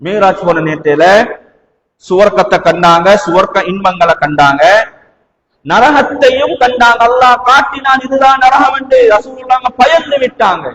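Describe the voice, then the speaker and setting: The echo of a large mosque hall carries the high, slightly bright voice of a Sri Lankan Tamil man preaching at a moderate pace. He uses storytelling, rhetorical questions, and repeated phrases, in an emphatic, dramatic manner.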